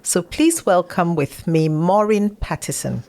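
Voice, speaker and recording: A middle-aged woman hosting a talk show interview, encouraging her guest and affirming her with soft murmurs. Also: lowish voice, measured pace.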